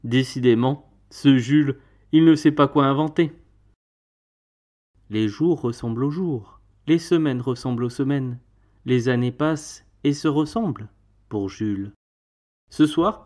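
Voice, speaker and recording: A man reads a children's picture book aloud. His voice sits at a middle pitch. He tells the story expressively, with varied delivery. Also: darkish tone.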